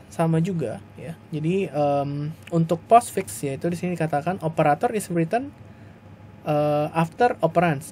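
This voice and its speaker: A man teaching a class on video in a slightly high voice. He walks through each step patiently, repeating himself and padding his sentences with soft fillers. A faint hiss runs under the recording. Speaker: lecturer. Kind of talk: recorded lecture explaining to students.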